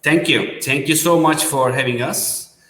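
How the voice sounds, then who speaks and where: Male co-founder, startup pitch, non-native English with restarts, roomy reverberant recording. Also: unhurried, fairly bright tone, a little hiss or hum. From Turkey. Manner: non-native phrasing, self-correcting restarts. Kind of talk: business pitch.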